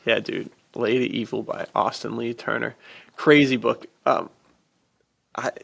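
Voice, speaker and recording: A man co-hosts a podcast, chatting casually about books with laid-back enthusiasm and plenty of "dude." His mid-range voice has vocal fry and a fairly bright tone, delivered at a measured pace with a steady tone.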